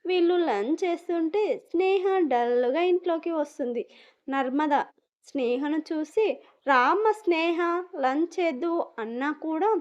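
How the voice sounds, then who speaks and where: A woman's voice: sits high, mellow. A woman narrating a family story in a plain, descriptive storytelling manner. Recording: dull lo-fi recording.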